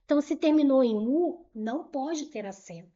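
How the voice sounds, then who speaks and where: A middle-aged woman with a slightly high voice teaches grammar in an online exam-prep lesson. She explains each rule step by step, repeats key points and asks the viewer rhetorical questions, urging them along briskly. The recording sounds dull and muffled. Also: lively intonation, mellow.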